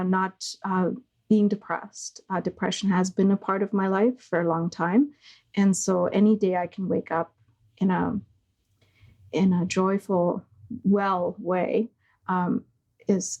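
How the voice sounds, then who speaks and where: Slow, soft-spoken woman with a gravelly edge. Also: medium pitch. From East Germany. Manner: slow, hesitant, with many fillers. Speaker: guest. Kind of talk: reflective conversation.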